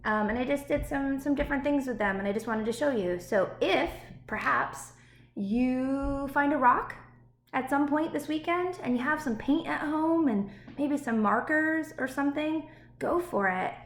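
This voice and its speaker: Speaking as an elementary school teacher, a woman reads aloud and chats with young pupils, encouraging them and checking in with little questions. Her voice is high and her pace moderate. The recording has a roomy echo and faint background noise.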